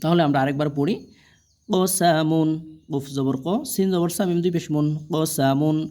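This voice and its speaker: Bengali guy teaching quran reading, slow patient letter drills, kinda high but mellow voice. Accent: Bangladeshi Bengali. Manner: patient, repetitive, checks understanding with rhetorical questions. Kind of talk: spelled-out Arabic letter drill lesson.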